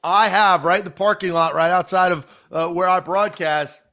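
A man co-hosting a casual sports talk podcast, animated and rambling with lots of "like". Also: sits high, moderate pace. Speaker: podcast co-host.

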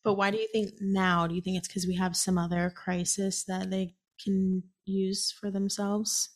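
A woman's voice: mid-range voice, flat delivery, moderate pace. A woman co-hosting a casual podcast, asking prompting questions and murmuring agreement. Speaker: podcast co-host. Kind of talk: casual chat.

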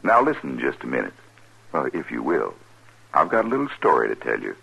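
An American man with a gravelly, husky voice, telling a folksy tall tale as a storyteller. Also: a bass voice, huge pitch swings, fairly quick, bright, forceful tone. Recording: dull old radio recording.

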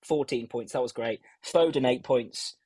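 A man hosting a casual fantasy football podcast with bantering, self-mocking chat, heard in low quality stream audio from a stand-in mic. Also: a little slow, mellow, breathy edge, no room sound. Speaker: host of a fantasy football show. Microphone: stand-in mic, not his usual one.

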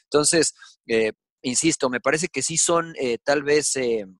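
A middle-aged man, talking in a measured, reflective way as a father on a casual podcast. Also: medium pitch, fairly bright tone, dry recording, studio quality. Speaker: podcast co-host. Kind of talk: casual chat.

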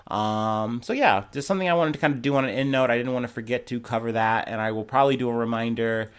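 A man's voice: medium pitch, quick pace, clean tone. A young man hosting a solo news podcast, reading quotes aloud and then riffing on them in a loose, profane, chatty way. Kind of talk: casual solo news commentary.

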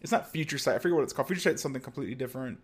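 A young man co-hosting a podcast in casual chat, often pausing to search for words. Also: mid-range voice, slightly rough. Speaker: podcast co-host. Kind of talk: casual chat about an anime.

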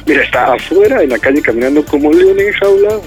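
Hurried man answering a phone call. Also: fairly high pitch, big pitch swings, soft background music. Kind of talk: phone conversation.

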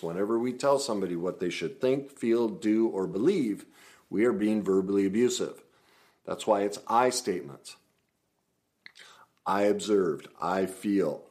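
A man's voice: on the low side, a little mellow. A man teaching about communication in relationships, earnest and emphatic, acting out sample dialogue. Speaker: relationship coach.

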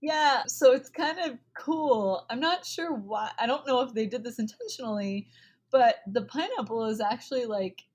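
A woman's voice: fairly high pitch, lively intonation, moderate pace. A young woman chatting casually on a podcast as a guest, laughing often and using lots of fillers.

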